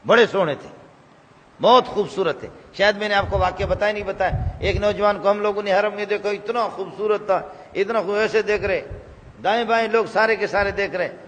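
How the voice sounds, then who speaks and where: A man preaching with a fairly high voice, carried by a long reverb that sounds like a large hall or mosque. He tells humorous stories and repeats phrases again and again for emphasis. Faint noise hums behind him. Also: steady tone, a bit bright. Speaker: religious preacher. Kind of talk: sermon with humorous storytelling.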